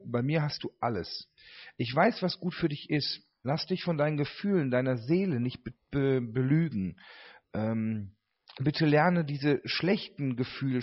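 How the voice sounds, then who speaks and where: A man with a husky voice reads a gentle written reflection aloud. Then he explains it plainly. The recording is muffled and lo-fi. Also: mid-range voice. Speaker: participant. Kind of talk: reading a written meditation aloud. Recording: dull lo-fi sound.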